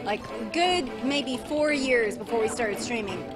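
A young woman with a high voice talks through a live gameplay stream, rambling and exasperated, breaking into shouts. Her voice sounds worn from screaming, and game music plays clearly behind her. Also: lively intonation, measured pace.

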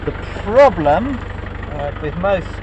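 A vlogger in his forties with a high voice, big pitch swings, and a slow pace gives dry, understated running commentary while testing an old car. He films on a handheld action camera inside and around the vehicle; the sound is lo-fi, with heavy background noise and a faint engine idle behind.

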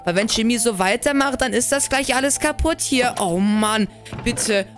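A young man hosting a game role-play video, excitable and dramatic, talking straight to his viewers. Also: very high-pitched, normal speed, faint music behind. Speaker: gaming video host.

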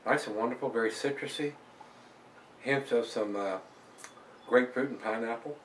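An older man talks casually on camera as a beer reviewer, chatty and relaxed, with lots of fillers, filmed at home in a small room. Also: mid-range voice, normal speed, a little hiss or hum. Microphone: camera across the room. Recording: roomy and distant from the mic.

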